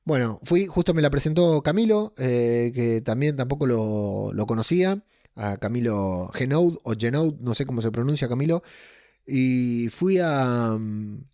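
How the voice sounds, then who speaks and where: A man's voice: medium pitch, expressive, unhurried, mellow, no echo, clean studio sound. A man with an Argentine accent, rambling casually as a podcast host with many fillers and restarts. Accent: Argentine Spanish. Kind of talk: casual personal monologue.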